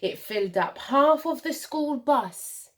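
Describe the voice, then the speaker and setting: This is a high, expressive female voice reading a picture book to young children. Her style is that of a primary school teacher, with deliberate dramatic pauses and emphasis.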